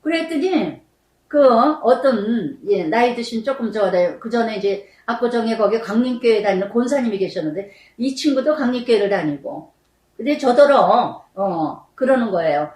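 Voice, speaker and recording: A woman's voice: a little high, lively intonation, normal speed, a little mellow. An older woman pastor giving a sermon, telling a personal testimony and acting out remembered quarrels with strong emotion. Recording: echoey church hall, mic at a distance.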